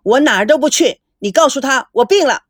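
Give me a woman playing a furious fifty-something chairman, husky and loud. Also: very high voice, animated, a little fast, no room sound, clean studio sound, full character voice. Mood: shouting. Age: 50s. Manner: shouting, threatening. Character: furious middle-aged male company chairman.

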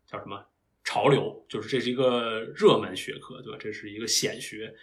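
A man's voice: fairly low pitch, fairly even intonation, fairly quick. A young man, a recent PhD graduate, talking as a guest in a casual podcast interview, thinking aloud in a reflective, meandering way with frequent restarts. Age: young adult.

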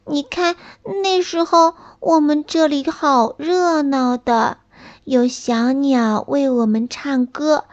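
A tiny snail child with a high, sweet voice, speaking slowly and wonderingly, as a woman puts it on. The bedtime-story character sounds timid and easily tearful. The recording is a little dull and lo-fi.

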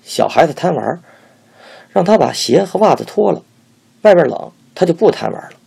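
A man's voice: sing-song, normal speed, creaky, warm tone, husky, full character voice. A man voicing a stingy, cruel middle-aged old-Beijing woman who bosses and scolds a young apprentice. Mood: defiant. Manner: shrill, scolding, bossy.

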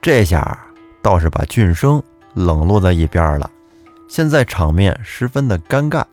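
A man's voice: low voice, big pitch swings, unhurried, darkish tone, soft background music. A man narrating a folk tale as storyteller host, chatty and turning to address his listeners.

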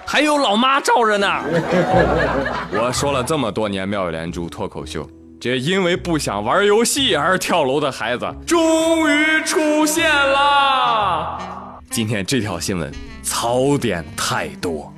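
A man hosting a comic news talk show, telling the stories, acting out each character and laughing often. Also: a little high. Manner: animated storytelling, acts out every character in quotes; laughs often while talking.

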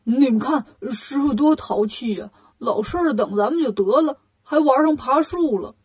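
A woman voicing a lazy, joking pig-monk disciple in a storybook reading, calling out loudly. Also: sits high, moderate pace, breathy edge. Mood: joshing.

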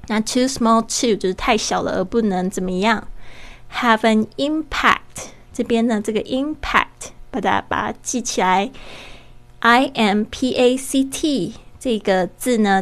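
A woman hosting a podcast English lesson, explaining step by step and slowing down to model English pronunciation. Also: medium pitch. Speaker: podcast host and English teacher.

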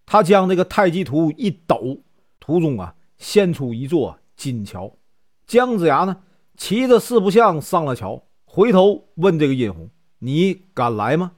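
A male storyteller with a Northeastern Mandarin accent narrates a classical epic, his pitch swinging widely through the telling. He sits somewhat high for a man and drags out the particles at the ends of his sentences. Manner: lively, drawn-out particles.

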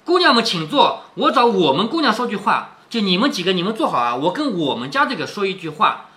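A man's voice: high voice, sing-song, a little fast, bright, forceful tone, exaggerated voice. A man voicing a greedy middle-aged sister-in-law who coaxes and fawns, read aloud from a classic novel. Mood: coaxing. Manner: coaxing, ingratiating. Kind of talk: storybook reading aloud.

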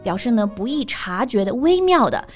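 Woman spelling out English words slowly. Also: fairly high pitch, big pitch swings, faint music behind. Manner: spells out words letter by letter, slows down on English examples. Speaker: co-host of an English lesson podcast. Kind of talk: casual bilingual lesson chat.

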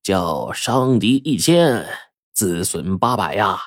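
A man storyteller voicing a shrewd old male village fortune-teller with a husky, drawling, knowing manner. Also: low-pitched, very animated, slow pace, no echo, studio quality, heavily acted.

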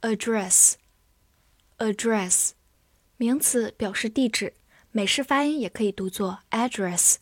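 A woman reading an English vocabulary review. She says each word twice in a deliberate way, then gives its part of speech and meanings. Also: a little high, breathy edge, no echo, studio quality.

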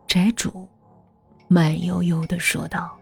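A woman narrating a scripted horror story in a slow, hushed, half-whispered voice. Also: on the low side, flat delivery, creaky, husky, soft background music.

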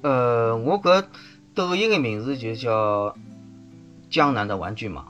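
A man's voice: medium pitch, lively intonation, a little slow, fairly bright tone, faint music behind. A man in his fifties with a Shanghainese accent, a guest in a casual chat who often repeats words as he starts. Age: 50s.

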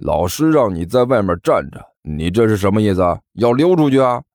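A man's voice: lowish voice, big pitch swings, brisk, darkish tone, no room sound, studio quality. A man voicing a prim, self-righteous schoolmate with a sneering, tattling manner. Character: snide, prim male schoolmate who tattles.

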